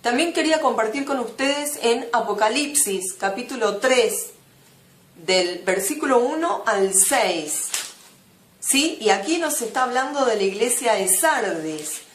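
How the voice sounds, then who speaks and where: A woman, earnestly preaching a sermon and slowing down to stress the scripture she reads aloud. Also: fairly high pitch, expressive, slight background noise. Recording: echoey room.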